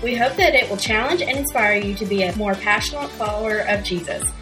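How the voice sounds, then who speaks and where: A woman reading a scripted podcast intro for a church in a smooth voice. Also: mid-range voice, lively intonation, a little fast. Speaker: podcast announcer. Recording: distant voice over loud music. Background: music bed.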